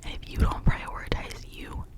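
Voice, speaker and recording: An ASMR host giving a whispered pep talk of positive affirmations in a gentle, encouraging manner, often repeating phrases slowly.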